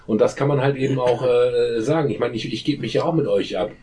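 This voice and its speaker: A man's voice: mid-range voice, a little fast, over a noisy crowd. A man in a casual group discussion who speaks emphatically and often stumbles over and repeats his words. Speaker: discussion participant.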